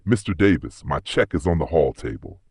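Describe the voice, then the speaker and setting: A man plays a flamboyant older gentleman, sly and theatrical, with a conspiratorial lilt. The low, husky voice swings widely in pitch. It is an audiobook mystery. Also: lively intonation, brisk, dry recording, clean studio sound, exaggerated voice.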